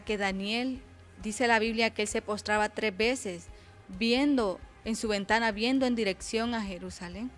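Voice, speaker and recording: A woman preaching a sermon at an intercession program, reading Bible passages aloud and often asking "¿verdad?" as she goes. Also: medium pitch. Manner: slow, repeats "¿verdad?", reads scripture louder and slower.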